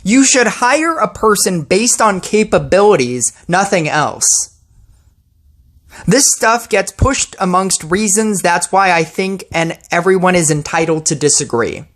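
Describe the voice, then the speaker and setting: A woman's voice: fairly low pitch, animated, unhurried. A woman posting a ranting commentary video about a mobile game, sarcastic and exasperated.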